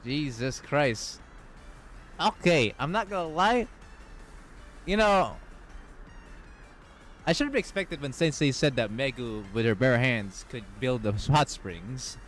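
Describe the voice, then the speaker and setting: A man reading a game story aloud and breaking off for excited, profane reactions. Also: medium pitch, slow pace, pauses often, soft background music. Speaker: gaming streamer.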